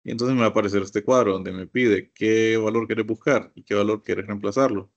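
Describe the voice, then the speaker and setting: A man's voice: lowish voice, fairly even intonation, brisk, muffled recording. A man teaching a computer course, walking his class through each step and often asking them to look. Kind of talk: screen-share software lesson.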